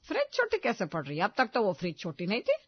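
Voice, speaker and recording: A woman voicing a stubborn older mother-in-law who taunts and scolds loudly in a cartoon story. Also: mid-range voice, wildly swooping pitch, quick pace, breathy edge, muffled recording. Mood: accusing. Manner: loud, sharp, taunting.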